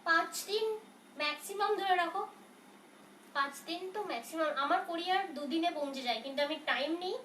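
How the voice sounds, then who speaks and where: A high-voiced woman chats through a live saree sale. She is soft-spoken, reassuring, and answers questions as they come in. Her voice echoes around a room and sounds set back from the mic. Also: fast talker. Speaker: saree seller on a live stream. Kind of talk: casual live sales talk. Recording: roomy, from a distance, faint noise.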